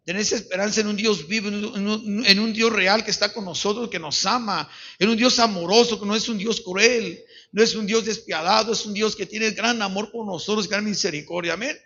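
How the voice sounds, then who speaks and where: Man, Mexican accent, pastor, high bright voice, earnest testimony sermon, muffled lo-fi sound. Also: steady tone, fairly quick. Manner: earnest, repeats words, often says amen. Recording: dull lo-fi recording.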